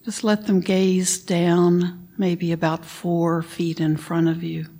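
A woman leading a guided meditation, giving gentle instructions and sometimes dropping to a whisper on the breath cues. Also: fairly low pitch, level tone, slow.

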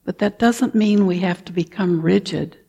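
A woman leading a guided meditation, talking softly and calmly, with frequent throat clearing. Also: on the low side. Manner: slow, soft-spoken and calm, with frequent throat clearing. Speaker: meditation teacher.

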